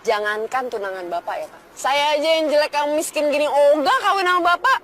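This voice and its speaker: A woman's voice: sits high, expressive, a little fast, a bit bright, slight background noise. An actress playing a cheeky, outspoken young working-class woman in a TV drama, blunt and chatty. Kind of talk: TV film drama acting.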